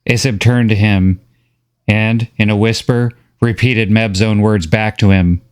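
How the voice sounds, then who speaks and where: A man reading a novel recap as scripted story narration, steady and measured. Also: on the low side, clean tone.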